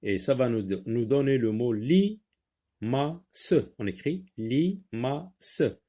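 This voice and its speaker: A man teaching an early reading lesson. He stretches words out slowly, repeats them, and asks himself questions as he works through examples for young learners. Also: medium pitch, animated, mellow.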